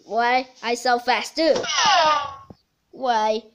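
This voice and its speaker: A woman rambling through an improvised toy play narration, bursting into loud excited shouts. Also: a little high, drawn-out words, a little hiss or hum. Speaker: toy video maker.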